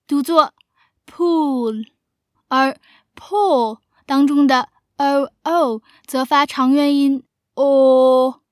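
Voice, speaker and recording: High-voiced woman teaching pronunciation. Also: fairly bright tone, dry recording, clean studio sound. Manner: clear, careful explanation with slowed examples. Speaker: English teacher and host. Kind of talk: scripted radio lesson.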